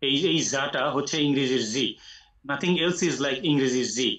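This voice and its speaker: A man's voice: mid-range voice, fairly bright tone. Man teaching Quran recitation online. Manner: explains patiently, then recites slowly with long drawn vowels. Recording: echoey room, muffled audio.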